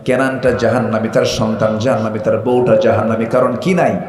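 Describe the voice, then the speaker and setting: A man preaching a Bengali waz sermon, calling out to the crowd for answers and rising into shouted climaxes. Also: on the low side, steady tone, fairly quick, reverberant. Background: crowd responding.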